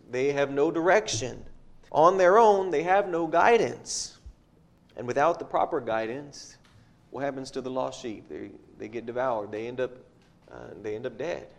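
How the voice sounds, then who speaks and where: A man preaching a sermon, reading scripture aloud and stopping to ask his listeners rhetorical questions, often repeating a word as he goes. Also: mid-range voice.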